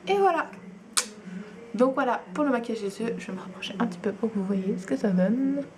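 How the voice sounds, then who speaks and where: A woman's voice: fairly high pitch, quick pace, noisy background. A young woman, chatting enthusiastically through a makeup tutorial at home, with frequent fillers and asides. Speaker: beauty vlogger.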